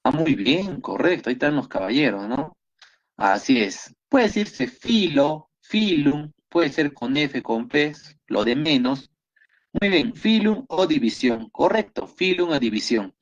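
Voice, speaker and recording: A man's voice: a little high, very animated, unhurried, highs cut off. A man with a Peruvian Spanish accent teaching an online biology class, going over exam questions and praising his students often. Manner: encouraging, repeats praise often.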